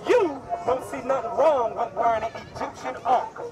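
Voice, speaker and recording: A man preaching and debating in a city park, forceful and full of rhetorical questions. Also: very high voice, normal speed, over loud music, rough recording. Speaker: street preacher. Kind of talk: outdoor street debate. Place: city park outdoors, crowd around. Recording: loud crowd noise behind, outdoors.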